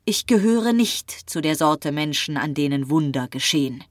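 A woman's voice: deep voice, lively intonation, moderate pace, no echo, studio quality. A woman reading a story aloud, voicing a weary, mocking young man who is ill. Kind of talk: audiobook reading.

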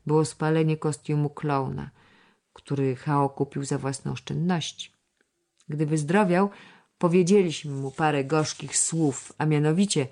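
A woman reading a children's novel aloud in a measured storytelling manner. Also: low voice, darkish tone. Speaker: audiobook narrator. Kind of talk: scripted narration of a children's novel.

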